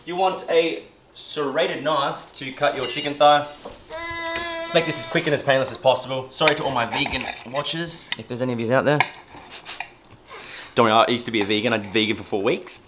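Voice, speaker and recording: A man's voice: medium pitch, lively intonation, brisk. Jokey guy in a roomy kitchen. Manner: chatty, jokey, self-mocking, loose with fillers. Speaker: fitness vlogger doing meal prep. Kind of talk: casual cooking vlog. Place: home kitchen, indoors. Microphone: camera mic, filmed by a helper. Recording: roomy kitchen with faint cooking noise.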